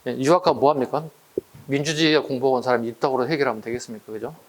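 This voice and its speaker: A man's voice: mid-range voice, fairly even intonation, racing. A man teaching an exam-prep history lecture, chatty and full of rhetorical questions to his students.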